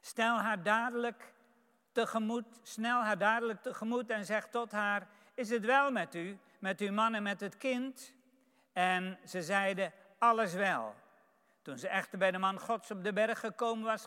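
A man's voice: high-pitched, clear, resonant tone. A man preaching a sermon, reading a Bible passage aloud and then reflecting on it. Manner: reads scripture aloud, then comments warmly on it. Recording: echoey hall.

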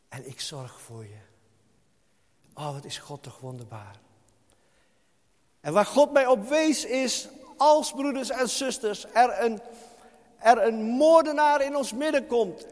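A man preaching a sermon to his congregation, impassioned and crying out pleas to God, recorded in a church hall. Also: high voice. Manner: repeatedly addresses the congregation. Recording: reverberant hall.

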